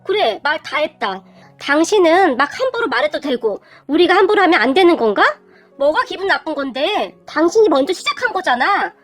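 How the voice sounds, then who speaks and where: A woman's voice: very high-pitched, sing-song, fairly quick, soft background music. A woman voicing a stubborn young daughter who talks back with sarcastic, cutting remarks.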